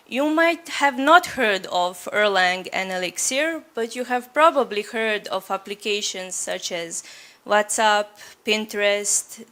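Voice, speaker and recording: A young woman from Serbia, a doctoral student, giving a presentation at an online open day. She speaks slowly and deliberately, pausing on fillers and clearing her throat now and then. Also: medium pitch, fairly bright tone. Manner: slow, careful, with frequent fillers and throat clearing. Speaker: PhD student.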